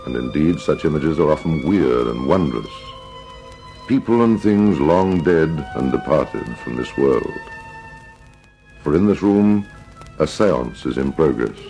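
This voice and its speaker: An actor narrating supernatural radio tales in a haunting, ominous, dramatic manner. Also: male voice, extremely low pitch, expressive, measured pace, creaky, dark tone, soft background music, exaggerated voice, low-quality recording.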